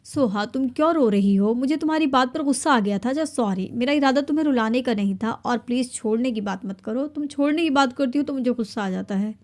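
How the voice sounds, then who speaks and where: A woman's voice: a little high, lively intonation, warm tone, natural voice. A woman voicing a possessive young husband in an audiobook, swinging between teasing and pleading. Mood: tender.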